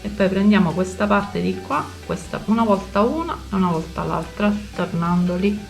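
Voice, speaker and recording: A woman's voice: medium pitch, normal speed, gravelly. A woman giving a step-by-step cooking tutorial, instructional and narrating each movement as she goes. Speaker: home cooking show host. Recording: roomy echo, music underneath.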